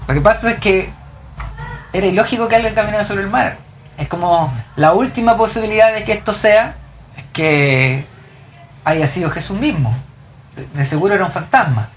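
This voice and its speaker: A woman's voice: mid-range voice, animated, normal speed, long pauses, a little hiss or hum. A woman leading a group Bible study, explaining scripture and asking the group questions. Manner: asks the group questions, reads verses aloud.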